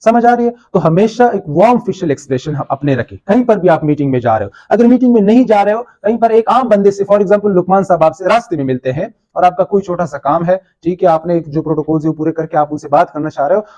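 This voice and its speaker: High-voiced Pakistani man teaching a workshop. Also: dark tone, highs cut off. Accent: Pakistani Urdu. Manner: checks in with the audience often; mixes English phrases into his talk. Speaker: workshop trainer. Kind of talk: workshop lecture.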